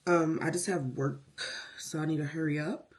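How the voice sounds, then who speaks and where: At home, a beauty vlogger walks through a hair tutorial in casual chat, full of sassy, playful slang and self-hype. Her medium-pitched voice keeps a fairly even intonation at a moderate pace, and the audio has noticeable background noise and clicks.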